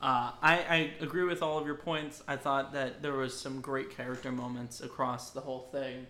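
A man's voice: medium pitch, little pitch movement, moderate pace, pushed and bright. A man co-hosting a podcast, casually explaining fan trivia with frequent uh fillers, recorded in an echoey room. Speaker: podcast co-host. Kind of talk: casual movie review chat.

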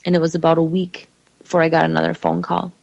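Low gravelly woman, urgent testimony. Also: completely flat delivery, fast talker, darkish tone, no echo, lo-fi sound. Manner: urgent, emphatic, addresses listeners directly. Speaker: mother telling her story. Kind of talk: personal testimony monologue.

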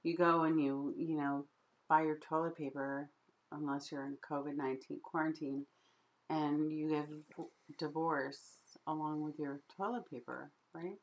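A woman with a notably low voice co-hosts a relaxed podcast chat. She talks in a playful, giggly way, full of "like" and "you know". She laughs easily. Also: normal speed, highs cut off. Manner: giggly, playful, chatty with many fillers. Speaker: podcast co-host. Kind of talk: casual chat.

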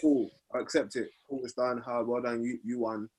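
A man's voice: mid-range voice, steady tone, moderate pace, darkish tone, slight background noise. A young man with a London accent and emphatic roadman slang, in casual group chat.

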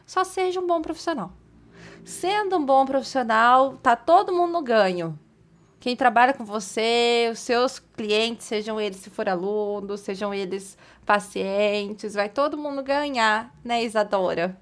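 A woman co-hosting a casual podcast chat, playful and quick when telling stories. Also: a little high. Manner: playful, fast storytelling. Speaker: podcast co-host.

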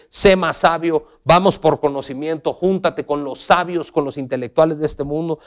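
A man preaching a sermon, speaking straight to the listener with questions, dropping to soft low lines and then lifting into raised, emphatic passages.

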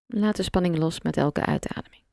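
A woman guiding a relaxation meditation, giving slow, calm, soft instructions with long pauses. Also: fairly low pitch, vocal fry, no room sound, studio quality. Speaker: meditation guide.

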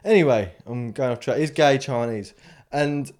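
A man's voice: medium pitch, moderate pace, a little mellow. Young man rambling through stories. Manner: rambling anecdotes with frequent restarts and acted-out quotes. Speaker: storyteller. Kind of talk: casual chat.

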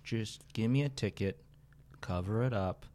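A man's voice: lowish voice, unhurried, dark tone, natural voice. A man in improv comedy playing a pushy, odd male moviegoer who rambles insistently.

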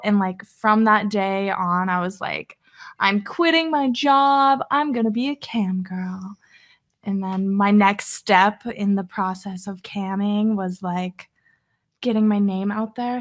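A woman's voice: medium pitch, a little slow, fairly bright tone. A young woman from Pennsylvania, a podcast guest chatting casually, giggly and saying "like" often. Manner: giggly, says "like" a lot. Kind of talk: casual chat.

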